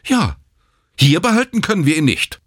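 A man's voice: on the high side, very animated, normal speed, fairly bright tone, slightly rough, no echo, clean studio sound, pitched above the performer's own voice, heavily acted. A man voicing a stern, strict female hospital nurse, in a storybook reading. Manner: stern, firm.

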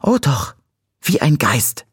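A man's voice: on the low side, big pitch swings, normal speed, darkish tone, husky, no echo, voice pushed up, exaggerated voice. A man voicing a sarcastic, teasing teenage girl in an audiobook, raising his voice to play her. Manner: dry, teasing, lightly mocking. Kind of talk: audiobook character voice.

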